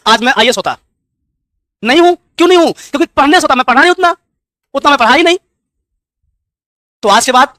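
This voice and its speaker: A man's voice: very high-pitched, pushed and bright, no echo, studio quality. A man who teaches exam aspirants, giving a fervent motivational speech full of rhetorical questions, repeated commands and rhyming proverbs.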